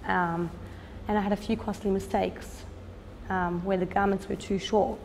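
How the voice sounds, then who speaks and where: A woman, a fashion designer speaking in a documentary interview, earnest and unhurried, with frequent "um" pauses. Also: mid-range voice, little pitch movement, gravelly, a little mellow, in a large hall, a little hiss or hum. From Australia. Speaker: fashion designer and business owner.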